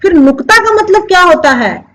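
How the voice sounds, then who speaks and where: A woman teaching a Hindi lesson, explaining slowly and repeating each word many times while asking the viewers questions. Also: extremely high pitch, sing-song, a bit bright, low-quality recording. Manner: addresses viewers as friends, asks questions. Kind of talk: classroom-style lesson.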